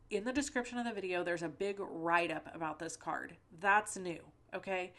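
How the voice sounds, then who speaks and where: Her lowish voice has a slight brightness as this middle-aged woman hosts a card-making tutorial from home. The voice-over is chatty and meandering, packed with fillers, asides, and personal anecdotes, and a lingering cold makes her sound a touch stuffy.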